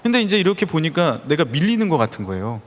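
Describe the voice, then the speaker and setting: A fairly high-voiced man preaches with a lively, swooping delivery, drawing his listeners in with stories. His voice rings out in a church hall with a long reverb. He slips into the voices of the people in his stories. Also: fast. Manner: animated storytelling, voices quoted people. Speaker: pastor. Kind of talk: lively sermon with acted-out quotes. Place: church sanctuary.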